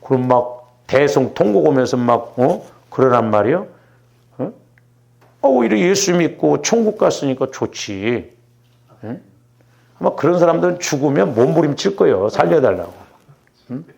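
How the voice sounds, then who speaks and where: Man, middle-aged, pastor, sermon, church sanctuary, conversational, slightly high voice, gravelly. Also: very animated, normal speed, darkish tone, highs cut off. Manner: conversational, keeps asking the congregation "응?". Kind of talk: sermon at a Wednesday prayer service.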